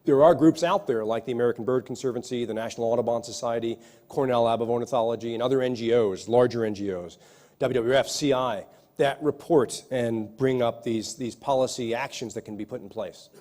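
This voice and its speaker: A man's voice: mid-range voice, a little fast, a little mellow. A man, an ecologist, answering audience questions after a lecture in an earnest way, often restarting his sentences. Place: lecture hall.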